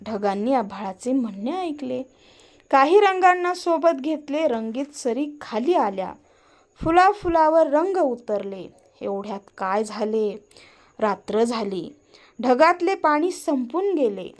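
Female storyteller for a kids' tale: slightly high voice, very slow, soft sing-song delivery. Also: lively intonation. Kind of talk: children's story reading.

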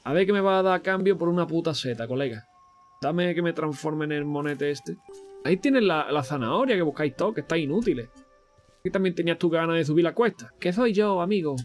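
A young man commentating his own gameplay. He swears freely and bursts into shouts, and his voice sits fairly high and swings widely. Faint music plays behind him. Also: quick pace. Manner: excitable, profane, sudden shouts. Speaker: let's play host. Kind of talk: gaming commentary.

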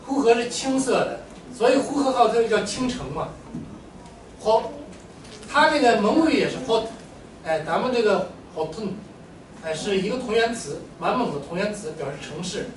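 A man teaching a classroom language lesson, joking and animated with his students. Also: sits high, fairly quick. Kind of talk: classroom lecture. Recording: echoey room, mic far off, faint room noise.

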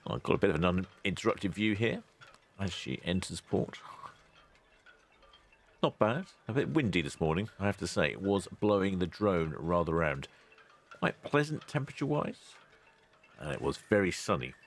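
Host VO: very low male voice, casual and wry, cheery sign-offs. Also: big pitch swings, normal speed, pauses often, slight background noise. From England. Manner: chatty, dry asides, loud cheery greetings. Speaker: ship-spotting channel host. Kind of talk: relaxed voice-over narration.

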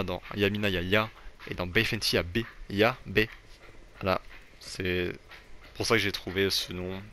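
A man's voice: on the low side, bright, forceful tone, slight background noise. A young man giving casual, rambling commentary on a football manager game, full of fillers and restarts. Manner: self-deprecating about his English accent. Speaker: gaming YouTuber.

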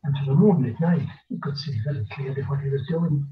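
Lilting older Irish storyteller on a tinny call. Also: male voice, mid-range voice, slight background noise. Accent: rural west of Ireland. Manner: lilting, rambling Irish storyteller with repetitions and pauses. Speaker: folklorist and storyteller. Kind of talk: oral folk storytelling in casual speech. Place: small dim room at home, indoors. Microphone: computer mic on a video call. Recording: muffled, phone-like video call audio.

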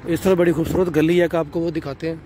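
Filming on a handheld phone, a middle-aged man from Pakistan leads his viewers, "nazreen," through city streets at night, leisurely describing what he sees. He talks fast in a fairly high, dark voice with little pitch movement. Outdoor traffic noise is audible.

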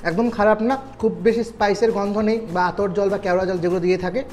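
A woman's voice: medium pitch, fairly even intonation, racing, darkish tone, a little hiss or hum. A woman reviewing food for her viewers in a chatty way, talking while chewing. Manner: chatty, addresses viewers directly. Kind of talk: casual food review vlog. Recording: faint music behind.

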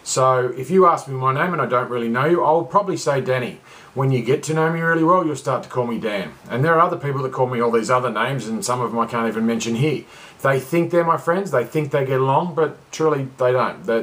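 A man's voice: medium pitch, quick pace, a bit bright. Rambling man, casual talk. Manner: rambling, lots of uh and restarts, wanders off track.

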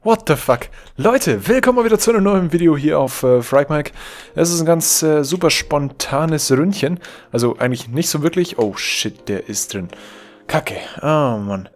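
A young German man with a mid-range voice chats casually over his gameplay as a gaming YouTuber. He rambles, corrects himself, and reacts loudly to what happens in the game.

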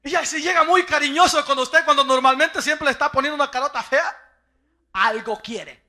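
A male pastor with a Mexican Spanish accent preaching a sermon, acting out quotes and breaking into sudden shouts. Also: very high voice, moderate pace.

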